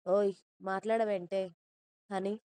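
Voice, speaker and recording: A woman's voice: medium pitch, level tone, a little slow, mellow, smooth, dry recording, close to an everyday voice. A woman voicing a stern, angry young man who scolds bluntly in an audio story. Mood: scolding.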